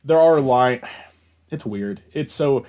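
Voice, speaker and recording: A young man hosting a casual chat stream, talking in a rambling, halting way with frequent restarts and casual swearing. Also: mid-range voice, warm tone. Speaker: stream host.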